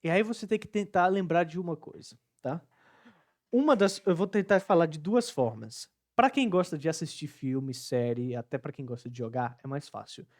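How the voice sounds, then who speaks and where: A man's voice: a little high, moderate pace. A young man from the Northeast of Brazil with a Northeastern Brazilian Portuguese accent, teaching English pronunciation in a casual online lesson and repeating words to show the sounds.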